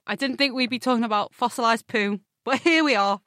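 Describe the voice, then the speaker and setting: A woman presenting a science podcast as host, with a bright, curious and upbeat delivery. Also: fairly high pitch, fairly quick, no echo, clean studio sound.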